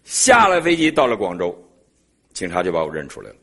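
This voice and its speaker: A middle-aged man preaching and telling a personal story in an animated way, laughing often. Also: low-pitched, a little fast, slight background noise. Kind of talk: sermon testimony storytelling.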